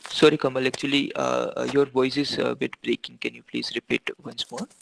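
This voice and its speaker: A man's voice: mid-range voice, flat delivery, brisk, creaky, a bit bright, no echo, poor audio. A man teaching an online class over a video call, answering questions with many fillers and restarts. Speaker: instructor.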